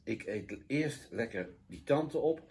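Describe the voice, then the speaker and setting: A man's voice: medium pitch, expressive, slow, a little mellow. A sly hungry storybook fox, as a man reads him.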